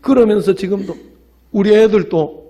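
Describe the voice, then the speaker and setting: A male pastor with a Gyeongsang accent preaches an evening sermon in a church. His voice sits somewhat high, and he tells stories and then turns to the congregation with rising, emphatic questions. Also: normal speed, dark tone. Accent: Gyeongsang Korean. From Gyeongsang region of Korea. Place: church sanctuary.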